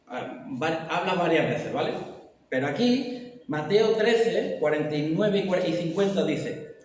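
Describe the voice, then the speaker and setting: A man teaches a church Bible study with an animated delivery, now and then acting out the voices of people he describes. His voice sits a little high for a man. He is heard from a distance in a long, echoing hall with a faint hiss underneath. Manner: animated, acts out voices of the lost.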